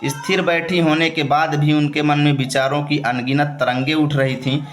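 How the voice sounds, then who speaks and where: A man's voice: fairly high pitch, little pitch movement, moderate pace. Man teaching poetry in an echoey room. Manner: repeats and paraphrases, ending phrases with a checking "okay". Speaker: Hindi teacher. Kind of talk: explaining a poem line by line.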